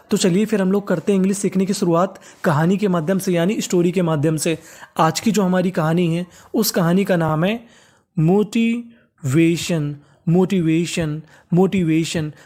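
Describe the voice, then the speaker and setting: An adult teacher, giving a step-by-step lesson, spelling words letter by letter and repeating them slowly. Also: mid-range voice, darkish tone. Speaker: English teacher.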